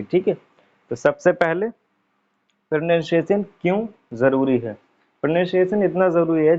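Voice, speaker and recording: A man teaching an English pronunciation lesson, repeating words slowly as he writes them out. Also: medium pitch, darkish tone. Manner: repeats words slowly while writing on a board, frequent 'theek hai'. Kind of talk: casual online lesson. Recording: dull lo-fi recording.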